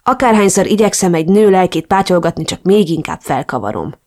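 Guarded, remorseful young man, read by a woman narrator; subdued, lowish. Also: lively intonation, a little mellow. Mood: regretful.

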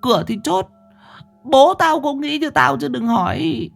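A man voicing a timid young village lout who stammers and whines in a high voice. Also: animated, a little slow, vocal fry, soft background music, full character voice. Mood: protesting. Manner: stammering, whiny.

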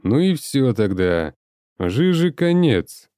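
A man voicing a gruff, bossy young man in an audiobook, curt and commanding. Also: mid-range voice, very animated, slow pace, dark tone, no room sound, clean studio sound, voice pushed up. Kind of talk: audiobook character voice.

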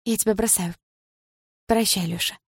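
A woman's voice: mid-range voice, steady tone, normal speed, gravelly, slightly rough, no room sound, clean studio sound. A woman voicing a hurt teenage girlfriend who speaks tearfully and bitterly.

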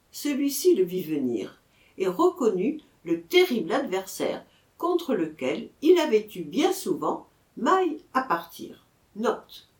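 A woman's voice: a little mellow, echoey room. A woman reading a novel aloud as scripted narration, lifting her voice for the characters. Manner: unhurried reading, voicing the crowd and characters with raised pitch. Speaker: audiobook reader.

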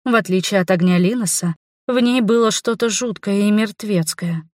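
A woman reading a humorous fantasy novel aloud in the first person, with lively, wry storytelling. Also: mid-range voice, moderate pace, dry recording, clean studio sound. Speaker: audiobook narrator. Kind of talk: first-person audiobook narration.

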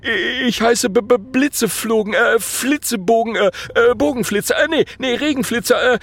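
A man's voice: very high voice, normal speed, fairly bright tone, no echo, pitched above the performer's own voice, exaggerated voice. A man voicing a nervous young prince who stammers and trips over his words. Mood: flustered. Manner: stammering, flustered.

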